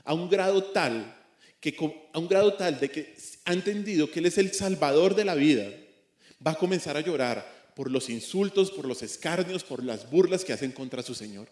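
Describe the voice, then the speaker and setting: A man's voice: fairly high pitch, expressive, normal speed, darkish tone. Man preaching in an echoey church. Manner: earnest preaching with rhetorical questions, repeats verse references. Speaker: pastor. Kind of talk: expository sermon.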